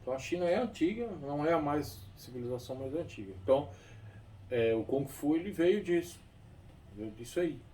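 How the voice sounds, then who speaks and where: A man's voice: fairly high pitch, expressive, brisk, warm tone. A man with a Brazilian Portuguese accent explains kung fu as a teacher. He rambles, restarts and keeps checking in with his listener. His voice sits somewhat off the microphone over a faint noise floor. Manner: rambling, frequent tag questions and restarts. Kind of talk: explanatory talk. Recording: distant mic with faint background noise.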